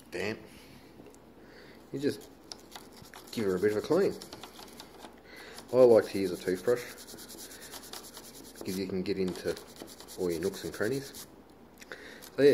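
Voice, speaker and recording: An Australian man, a hobbyist demonstrator, speaks in a low-pitched, slightly mellow voice while giving relaxed, colloquial hands-on how-to commentary. The recording is a noisy handheld home video.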